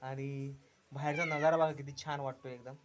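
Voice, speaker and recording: A man's voice: medium pitch, flat delivery, moderate pace, muffled recording, background noise. A man from the Konkan region narrating a casual walking tour as a vlogger, upbeat and full of praise for what he films. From Konkan, India. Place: village outdoors in rain.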